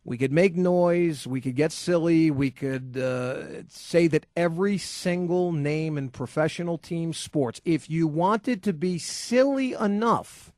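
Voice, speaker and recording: A man's voice: fairly high pitch, slow, few pauses, a little mellow, dry recording, studio quality. A man hosting a sports talk radio show, ranting in a combative, sarcastic, emphatic way and then taking calls. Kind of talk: opinionated talk radio rant. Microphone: studio microphone.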